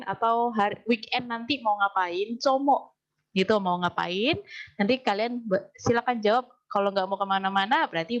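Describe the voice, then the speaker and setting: A woman teaching a language class. She explains things patiently, slows right down to drill phrases, and keeps quizzing her students. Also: medium pitch, lo-fi sound. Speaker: Mandarin teacher.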